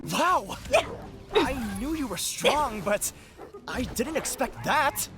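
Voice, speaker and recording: An actor playing an earnest, excitable writer companion in a video game, speaking theatrically and eloquently with wonder. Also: male voice, very high voice, slow, full character voice. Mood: amazed. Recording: game music behind the voice. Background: game music.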